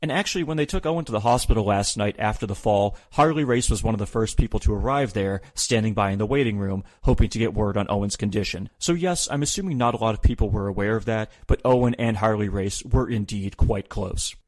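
A man's voice: on the low side, fast, hardly any pauses, a little mellow, no echo. A man hosting a podcast, reading a wry, opinionated recap with the odd swear. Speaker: podcast host. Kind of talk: scripted recap narration.

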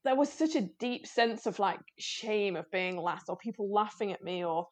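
A woman's voice: medium pitch, normal speed. A woman being interviewed, talking casually with many restarts and frequent laughs. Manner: chatty, self-deprecating, laughs often, many restarts. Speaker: guest, cyclist.

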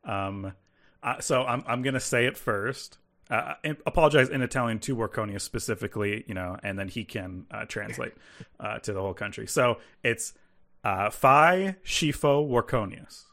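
A man's voice: on the low side, moderate pace, gravelly, a bit bright. A man co-hosting a casual podcast, teasing the others with dry humor. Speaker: podcast co-host. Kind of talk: casual chat.

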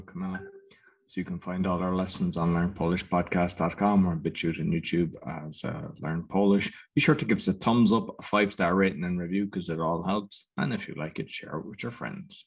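A man's voice: low-pitched, normal speed, creaky, slightly rough. An English-speaking man hosting a podcast, practicing Polish hesitantly in an easygoing way. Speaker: podcast host and Polish learner. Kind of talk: language-learning podcast chat.

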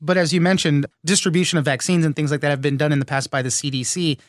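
A man's voice: on the high side, little pitch movement, fast talker, no echo. American man hosting a news podcast, close and dry. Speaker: podcast host. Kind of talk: scripted news podcast introduction and interview.

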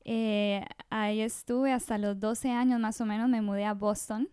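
A woman's voice: on the high side, fairly even intonation, normal speed, warm tone, clean tone, no echo, studio quality. A woman in her thirties from Rica, telling her story as a podcast guest in a chatty way, often restarting her sentences. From Costa Rica. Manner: chatty, with frequent restarts and fillers. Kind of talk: casual interview storytelling.

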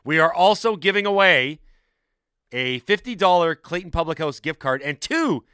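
A man hosts a sports talk show from the studio, joking around and reading sponsor spots with a bouncy lilt. His voice is bright and swings up and down a lot. The sound is dry and close, with no room around it. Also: a little high, no room sound. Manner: animated, jokey, reads ads with a bouncy lilt. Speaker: sports radio host. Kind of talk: casual sports radio banter. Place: radio studio. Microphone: studio microphone.

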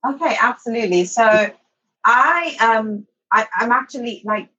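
A woman born in Somalia, who moved as a child to Saudi Arabia and later to London, tells her own story informally as an interview guest; she works as an online English teacher. Her voice is a little high, bright, and pushed with a breathy edge, her pace measured, and the sound lo-fi.

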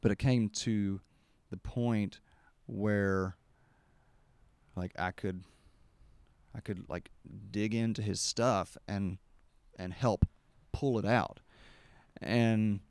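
A man's voice: lowish voice, takes it slowly, long pauses, a little mellow, clear, resonant tone, no room sound. A man hosting a podcast, telling a rambling story outdoors with lots of restarts and acted-out quotes. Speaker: podcast host. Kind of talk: casual storytelling conversation.

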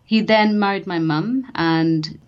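A woman's voice: medium pitch, takes it slowly, highs cut off. A woman who is a guest on an interview podcast, talking chattily with frequent laughs and restarts. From England. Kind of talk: casual interview chat.

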